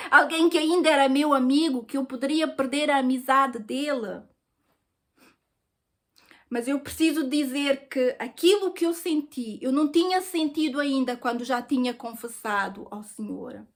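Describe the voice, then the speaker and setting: High-voiced European Portuguese woman testifying. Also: a bit bright. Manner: earnest, emotional storytelling. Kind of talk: personal testimony.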